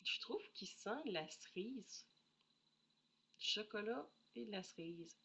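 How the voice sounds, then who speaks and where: Lively Québécois woman reviewing perfume. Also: medium pitch, takes it slowly, vocal fry, a little hiss or hum. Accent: Québécois French. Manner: expressive, thinks aloud, apologizes often. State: has a head cold. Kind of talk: casual solo review chat.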